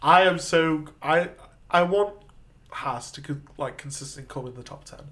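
Man, chatty podcast host, slightly high voice, trails off quietly. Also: moderate pace. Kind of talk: casual chat.

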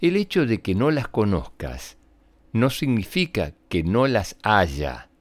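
A man's voice: on the low side, huge pitch swings, slow pace, dry recording, heavily acted. A man voicing a patient female schoolteacher who questions and explains, in a children's story. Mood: patient, questioning. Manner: questioning, instructive. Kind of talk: storybook character reading.

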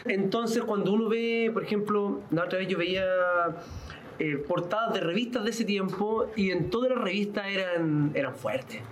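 Man, calm explainer, high voice, echoey room. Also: normal speed. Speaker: interviewee. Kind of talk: explanatory interview. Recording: echoey room with faint noise.

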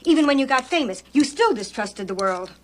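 A woman's voice: high-pitched, expressive, fairly quick, fairly bright tone, a little hiss or hum. A woman playing a former classmate who bluntly reproaches an old schoolmate. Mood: reproachful.

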